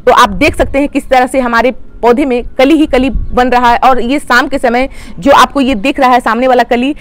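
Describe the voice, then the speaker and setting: A woman hosting a gardening channel, calmly explaining plant care step by step and addressing viewers as friends. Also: high-pitched. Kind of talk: instructional how-to talk.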